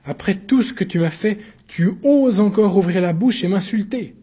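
A man voicing a weary former soldier with a wooden leg who answers the court quietly. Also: husky. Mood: calm. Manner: low, quiet, measured. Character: weary one-legged former soldier, calm.

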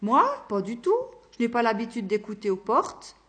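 Brief: a woman reading as a jovial, nosy northern bloke with a heavy accent, chatty and loud. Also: sing-song, normal speed. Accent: northern English (voiced). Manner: chatty, nosy, louder and higher than narration. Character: jovial talkative northern man, injured. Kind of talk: audiobook character voice.

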